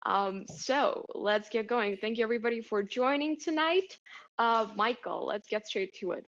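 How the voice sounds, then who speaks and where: A woman's voice: on the high side, normal speed. Dull-sounding recording of a woman moderator. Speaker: moderator of audience questions. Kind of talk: casual moderating.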